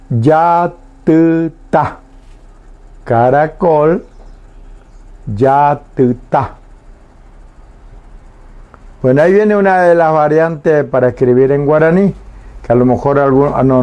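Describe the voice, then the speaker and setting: Slow, patient male radio teacher. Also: on the high side, muffled recording. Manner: slow, repeats each word twice with pauses. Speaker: Guaraní language teacher. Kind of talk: slow radio language lesson. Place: radio studio.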